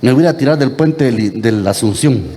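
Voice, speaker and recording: A man's voice: medium pitch, moderate pace, heavy background noise. A Guatemalan priest giving a homily, teasing his congregation and quizzing them with the same question again and again. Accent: Guatemalan Spanish. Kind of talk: lively interactive homily. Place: church.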